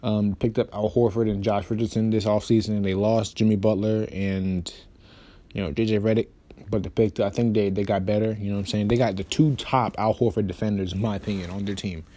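A man hosting a casual basketball podcast, rambling with lots of fillers and restarts, and quick in delivery. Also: lowish voice, little pitch movement, dark tone. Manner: talks fast, says so himself. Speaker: podcast host. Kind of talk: casual sports podcast talk.

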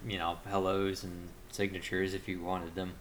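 A man chatting casually, recounting a show in a measured way. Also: low-pitched, flat delivery, a little hiss or hum. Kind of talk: casual chat.

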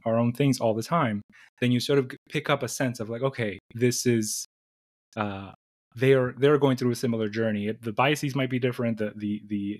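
A middle-aged man born in the Dominican Republic and raised in New York City, a guest in an interview, talking thoughtfully with many restarts and repeated words. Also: medium pitch. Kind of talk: conversational interview.

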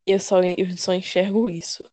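A young woman with a Brazilian accent, a podcast co-host telling scary stories in casual chat, animated and full of slang, repeating words as she goes. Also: fairly low pitch, normal speed, no echo. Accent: Brazilian Portuguese.

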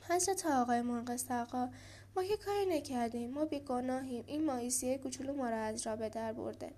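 A crowd of frightened tiny fish, begging and fawning, as a woman reading the storybook voices them. The pitch stays high and the pleas come slow. A gentle storybook reading. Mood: pleading.

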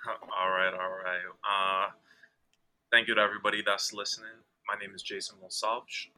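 A man's voice: on the low side, level tone, normal speed, sharp tone. A young man from Angola talking casually and informally as an interview guest, with some slang. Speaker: podcast guest, restaurateur.

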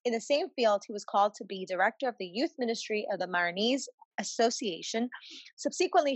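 A woman's voice: medium pitch, breathy edge, dry recording, low-quality recording. A woman co-hosting a podcast with casual, slangy, playful banter, sometimes reading aloud. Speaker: podcast co-host.

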